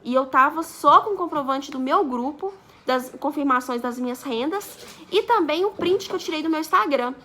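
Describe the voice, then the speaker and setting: A young woman in her twenties with a high, bright voice tells a story to her vlog audience. She chats along casually and plays out the lines of the people in it. A faint hum sits in the background. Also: animated, moderate pace. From Brazil. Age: 20s. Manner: chatty, acts out quoted dialogue. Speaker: vlogger.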